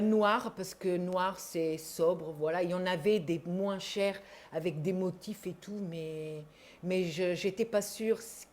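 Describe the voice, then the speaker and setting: A middle-aged woman chatting casually at home as she shows off a shopping haul, hesitating often with drawn-out fillers. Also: medium pitch, a little mellow. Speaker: vlogger showing her shopping haul.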